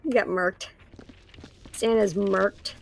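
A woman's voice: medium pitch, steady tone, slow pace, creaky. A woman co-player chatting casually and playfully while gaming.

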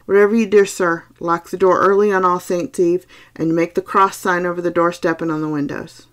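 A woman voicing an old peasant housekeeper woman who is placid and superstitious, speaking slowly in a hushed rural dialect. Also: fairly low pitch, fairly even intonation, close to an everyday voice. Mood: stubborn.

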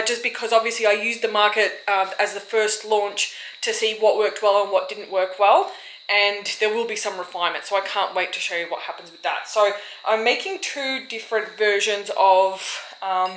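An Australian woman with a bright, medium-pitched voice chats informally and thinks aloud while working, explaining her process in a casual how-to vlog. She's a vlogger who runs a small soap business, filming in a small home workshop indoors. The recording is low quality, with clear background noise and the clatter of dishes and pots.

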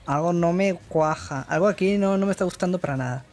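A gamer giving casual let's play commentary, excitable and swearing often, with sudden short outbursts. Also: mid-range voice, a little fast, soft background music. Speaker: gameplay commentator.

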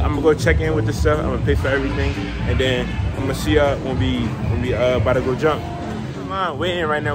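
A young man chats loosely into a phone held at arm's length, his speech full of slang and fillers. He keeps the easygoing tone of a casual selfie vlog. Loud music plays behind him, with an outdoor, street-like ambience. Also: medium pitch. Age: young adult. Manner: laid-back slangy chatter with many fillers. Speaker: vlogger. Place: indoor trampoline park. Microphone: phone camera at arm's length.

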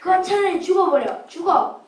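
A woman's voice: very high voice, expressive, normal speed, crowd noise. A woman playing an arrogant, cruel old rich man in a children's puppet play, with pompous, mocking villain bluster. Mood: gloating, scornful. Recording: roomy, distant miking with background hiss.

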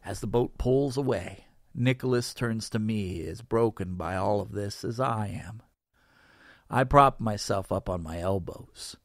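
A man narrating his story in first person, in a weary, slow audiobook reading. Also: no echo, studio quality. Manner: slow, weary, lively pitch.

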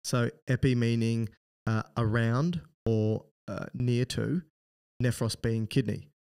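An Australian man co-hosting a medical podcast in a loose, playful chat. His voice sits at a middle pitch, and he explains through vivid little scenarios. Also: fairly even intonation, slow, a little mellow, smooth. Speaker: podcast co-host, doctor. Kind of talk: casual educational chat.

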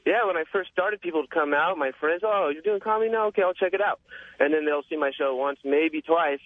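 Hesitant caller on a tinny phone line. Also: male voice, a little high, fairly quick. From Japan. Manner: hesitant, rambling, full of fillers. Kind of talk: phone-in conversation.

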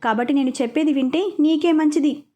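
A woman voices a sneering middle-aged male political broker in a spoken audio story. He taunts sarcastically and sounds quietly menacing, in a high, mellow voice. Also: a little fast, lightly acted. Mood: harsh.

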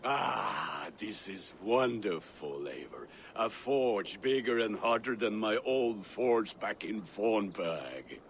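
A man's voice: fairly low pitch, very animated, slow, hardly any pauses, a little hiss or hum. A man voicing a boastful, hearty Viking blacksmith in video game dialogue. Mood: proud.

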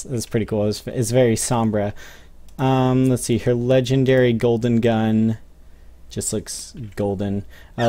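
Hosting a gaming video, a young man talks casually and conversationally, riffing off the cuff about what he sees in the game. His voice is middle-pitched and a little mellow.

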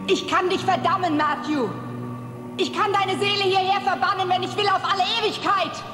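A woman's voice: medium pitch, moderate pace, close to an everyday voice. A woman playing a seductive, menacing demonic temptress in a dubbed horror film, scornful, imperious and theatrical. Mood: threatening. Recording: echoey hall, film music behind.

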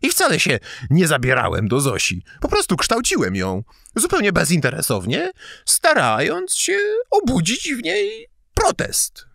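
An excitable young idealist, as a male audiobook reader puts him on, preaching his ideas in a shrill, fervent voice. His pitch sits high and leaps about wildly as he protests. The recording is close and dry, with no room sound. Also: unhurried, vocal fry, no room sound, heavily acted. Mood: indignant. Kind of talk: audiobook character reading.

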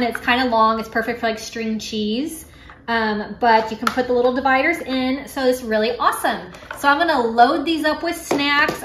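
A woman's voice: sits high, a bit bright. A woman in her thirties, a mom vlogger chatting to camera in her home kitchen, upbeat with lots of ums and uhs. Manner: chatty, filler-heavy, upbeat. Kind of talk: casual chat to camera. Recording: echoey kitchen room.

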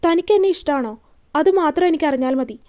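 A woman reading a story aloud, voicing a young man who is a tender, teasing lover and speaks softly. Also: high voice, quick pace, close to an everyday voice. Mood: gentle. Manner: softly pleading and playful.

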